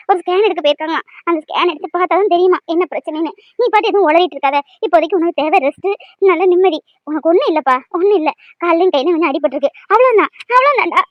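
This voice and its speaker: A woman's voice: very high voice, dry recording, lo-fi sound. A woman voicing a grief-stricken mother who cries and pleads at her injured son's bedside in a cartoon. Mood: soothing. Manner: sobbing, pleading, then soothing. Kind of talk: cartoon voice acting.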